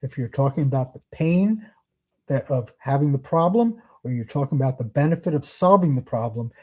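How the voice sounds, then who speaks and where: A man's voice: mid-range voice, lively intonation, brisk, darkish tone, slightly rough. A man leading a sales workshop in a conversational, emphatic way, asking his listeners rhetorical questions. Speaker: sales trainer. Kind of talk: workshop presentation.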